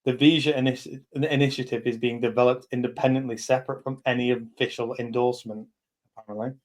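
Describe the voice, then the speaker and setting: A man from England in his thirties, who heads a company, hosts a live community chat, talking fast in a medium-pitched, fairly even voice. He is blunt and rambling, with lots of fillers and swearing.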